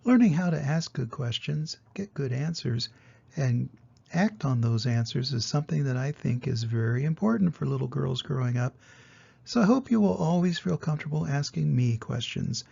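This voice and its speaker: Here an elderly grandfather, his voice husky, creaky, yet soft and mellow, walks little children through a picture book with gentle explanations. His pitch is medium, his delivery animated, and his speed normal, though the sound is somewhat muffled and dull.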